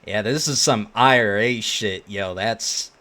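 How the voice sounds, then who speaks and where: A man's voice: on the low side, measured pace, sharp tone. A man hosting online reaction commentary, reading posts aloud and giving opinions in casual, slangy speech.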